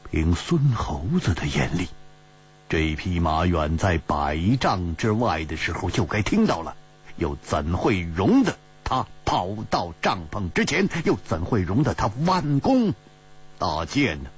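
A man's voice: sits low, sing-song, measured pace, husky, highs cut off, voice pushed down, heavily acted. A man voicing a cold, sneering male swordsman in a storytelling audiobook.

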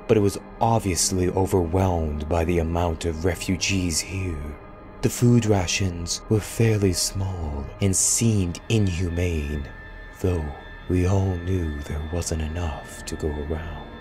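A man giving a dramatic first-person horror story reading in a grave, deliberate manner, trailing off quietly at phrase ends. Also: low voice. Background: faint music.

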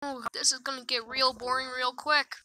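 A woman's voice: sits high, flat delivery, normal speed, pushed and bright, rough recording. A woman giving casual, sarcastic gameplay commentary, complaining and swearing freely as she plays. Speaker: gaming video creator.

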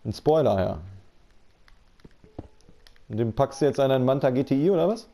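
A man's voice: medium pitch, expressive, normal speed, mellow. A man chatting casually while playing a game, slangy and laid-back, often saying "Alter". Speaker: Let's Play commentator. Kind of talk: casual gaming chat.

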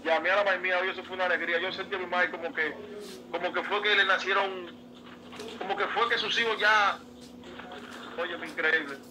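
A man's voice: sits high, fairly even intonation, brisk, pauses often, noisy background. A man talking as a baseball player guest in a casual interview, earnest and emotional, often repeating himself. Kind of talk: casual interview, heartfelt storytelling.

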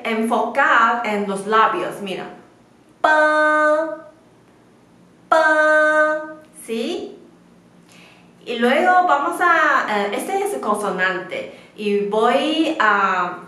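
A woman with a Chinese accent teaching a beginner Mandarin pronunciation lesson in slow, imperfect Spanish, modeling syllables for students to repeat. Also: fairly high pitch, sharp tone. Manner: slow, patient, with non-native Spanish grammar; models syllables in clear, drawn-out repetitions. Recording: very echoey room.

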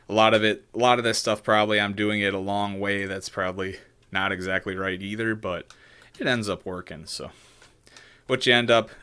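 Indoors in a small room at home, a man in his thirties gives a casual screen-share tutorial on 3D modeling, thinking aloud with loose restarts and constant "right?" checks. His lowish voice is pushed and bright.

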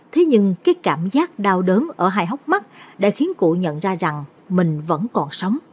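Woman storyteller doing late night ghost tales, low kinda husky voice. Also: a little mellow.

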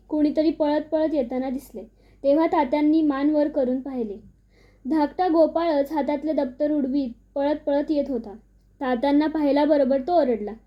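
A woman narrating an audio story in a steady, expressive storytelling manner. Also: high voice. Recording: dull lo-fi recording.

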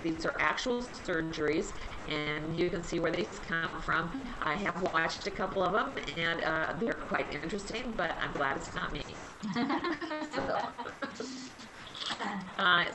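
Presenting a relaxed webinar, a health library liaison talks her audience through online resources, sprinkling her easygoing, friendly speech with little fillers. She has a cold, which leaves her low voice slightly nasal and congested, and the recording has a distinct web-conference hum of background noise.

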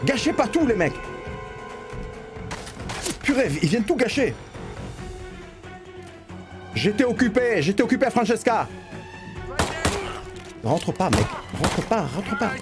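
A man with a high voice riffs through his gameplay, joking and yelling at the characters. His pitch swings wildly as he talks. Soft music plays in the background. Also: big pitch swings, slow pace, long pauses. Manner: joking, laughing, shouting at game characters. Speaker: gaming youtuber. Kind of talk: comic gameplay commentary.

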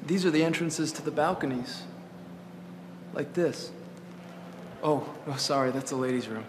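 A man's voice: a little high, normal speed, noisy background. A man giving an enthusiastic casual tour through a theater, pointing out the stage and lobby. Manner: enthusiastic, showing off. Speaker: tour guide. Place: inside a theater.

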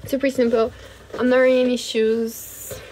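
A young Brazilian woman with a high voice hosts a casual livestream from her bedroom, chatting freely, thanking viewers often, and occasionally switching languages. She holds her phone at arm's length and talks at normal speed against a noisy background.

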